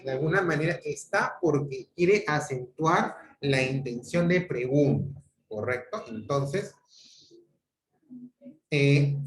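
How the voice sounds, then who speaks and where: A man with a Peruvian Spanish accent lectures on grammar over a video call, his pitch rising and falling a lot as he explains. He keeps checking in with short tag questions and restarts his sentences. The sound is echoey, as from a bare room. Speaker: teacher. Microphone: computer mic on a video call.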